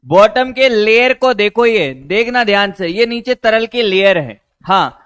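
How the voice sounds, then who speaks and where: A man's voice: high voice, a bit bright, clean tone, dry recording. A male physics teacher lecturing a class, repeating questions to his students and calling them "beta".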